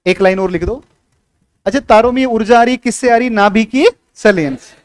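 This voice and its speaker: A man's voice: high voice, a little fast, no room sound. A man teaching a classroom lecture, who keeps asking whether the students have understood and scolds them now and then.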